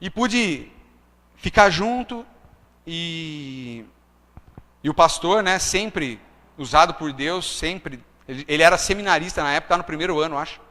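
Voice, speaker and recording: Man preaching, testimony sermon, conversational, high voice, long church-hall reverb. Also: animated, measured pace, bright, forceful tone. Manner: conversational, frequent tag questions.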